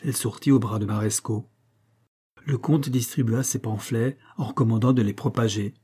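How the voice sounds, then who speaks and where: A man narrating an audiobook in a measured, even literary reading. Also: medium pitch, slightly rough.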